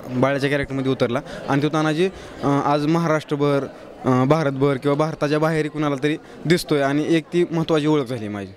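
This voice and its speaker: A man's voice: a little high, steady tone, fast. A young man, an actor guest, speaking earnestly with frequent fillers. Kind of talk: casual interview.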